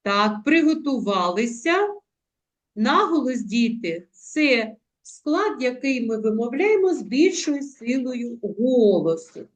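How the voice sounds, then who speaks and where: A woman teaching young children in an online class, coaxing them with diminutives and drawing out words slowly for them to repeat. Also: on the high side, very animated. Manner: affectionate, coaxing, uses diminutives; slow, drawn-out word modelling. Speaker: primary school teacher. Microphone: video call.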